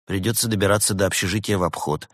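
A man's voice: low voice, fairly even intonation, fast talker, a bit bright, no room sound, studio quality. A man voicing a cautious, anxious female cat who speaks in a subdued, nervous way. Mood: worried. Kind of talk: audiobook reading.

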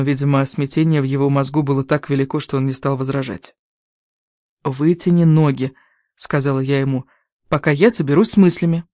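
A man narrating a first-person novel as an audiobook reader, in a steady storytelling delivery that rises for quoted lines. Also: on the high side, no echo, studio quality.

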